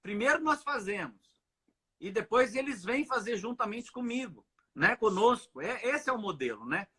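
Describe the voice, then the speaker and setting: A man's voice: high-pitched, expressive, moderate pace, pushed and bright, slightly rough. A man from Brazil who is a pastor, telling his story in a live video chat in an earnest way, repeating words and often ending with "né?". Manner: earnest, repetitive, asks "né?" often.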